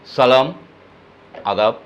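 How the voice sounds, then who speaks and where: Music teacher, male, mid pitch, patient explainer who demonstrates words aloud, lo-fi sound. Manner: explains slowly, demonstrates words and sung phrases. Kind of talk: spoken music lesson on pronunciation.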